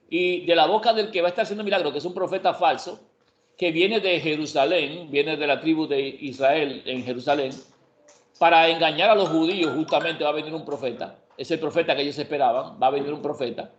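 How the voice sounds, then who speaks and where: Emphatic preacher man in an echoey room. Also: on the high side. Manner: emphatic, asks and answers his own questions. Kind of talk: Bible prophecy teaching. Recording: echoey room, dull lo-fi sound.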